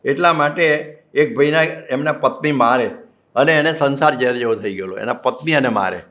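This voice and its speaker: Male monk, Gujarati accent, sermon storyteller, quotes and verses, mid-pitched voice. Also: normal speed, fairly bright tone. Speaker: monk preacher. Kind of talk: Gujarati religious discourse.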